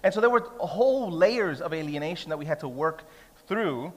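A pastor in his thirties from Brooklyn, New York preaches a sermon that's conversational and funny at first, then builds to emphatic declarations. His fairly high voice has lively intonation and a moderate pace, with the long reverb of a church hall around him.

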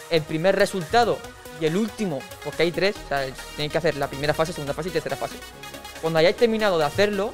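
A man hosting a casual podcast, announcing a game section in a loose, filler-heavy way. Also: fairly high pitch. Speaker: podcast host. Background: music.

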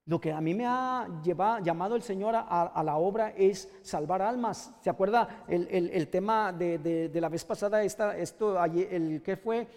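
Pastor guy preaching, lots of stops and restarts, gets loud and fired up, church hall echo. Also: high-pitched. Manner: halting with frequent restarts, rising to loud impassioned preaching. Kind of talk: sermon. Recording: long hall reverb.

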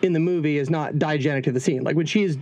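A man's voice: fairly high pitch, quick pace, a little mellow. A man guesting on a podcast, bantering casually with a wry, joking manner.

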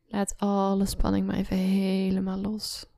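A woman guiding a relaxation meditation, speaking slowly and softly, often in a whisper, close to the mic. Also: mid-range voice, completely flat delivery, gravelly, no room sound. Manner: slow soft-spoken, often whispering. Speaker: meditation guide.

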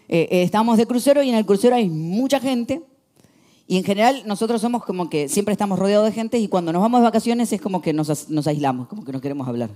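A young man with a Rioplatense Spanish accent preaching a sermon, telling stories with lively shifts from hushed to emphatic. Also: high voice. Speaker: pastor.

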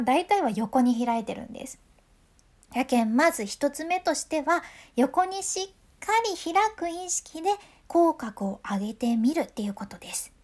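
A woman's voice: a little high, a little mellow. A woman with a Fukuoka accent giving a chatty, playful voice lesson and acting out example voices. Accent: Fukuoka dialect of Japanese. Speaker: voice coach. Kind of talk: friendly voice lesson.

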